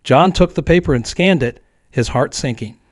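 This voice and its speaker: A man reading a scripted neighborhood story in a steady, even storytelling manner. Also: on the high side, normal speed, dry recording, studio quality. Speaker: narrator.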